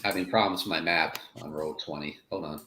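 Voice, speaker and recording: A man playing a tabletop game in character, talking in a nervous, animated way. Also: sits low, fairly quick. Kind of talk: in-character play. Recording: echoey room with faint noise.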